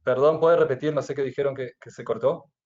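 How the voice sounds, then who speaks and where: A male teacher, giving an online class from home. His voice comes through a choppy, robotic-sounding video call, and he explains patiently, checking in often with quick tags. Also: medium pitch, steady tone, a little mellow. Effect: choppy, robotic-sounding video call audio. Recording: muffled lo-fi internet call.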